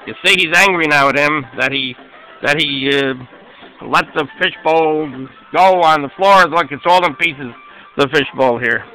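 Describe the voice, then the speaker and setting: A man reading a children's picture book aloud, pausing to explain each page in a chatty, halting way. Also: on the high side, sharp tone, soft background music, poor audio. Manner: chatty, explains as he goes, hesitant restarts. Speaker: storybook reader.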